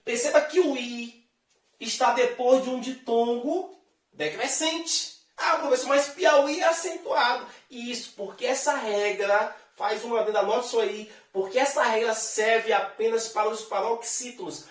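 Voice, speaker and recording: A man's voice: very high-pitched, a little slow. A man teaches a grammar lesson in a friendly, chatty way, pulling the listener along as he goes. He draws out the key words as he explains them. His voice is picked up from some distance and rings in a roomy, echoing space. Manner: lively and chatty, addresses the viewer directly, draws out example words. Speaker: Portuguese teacher. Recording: echoey room, distant mic.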